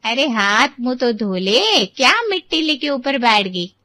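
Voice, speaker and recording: A scolding, fussing mother, put on by a woman for a storybook tale. Her voice is bright and a bit high. The recording is dry. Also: lively intonation, unhurried, dry recording. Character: middle-aged mother, fondly scolding. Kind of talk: storybook voice acting.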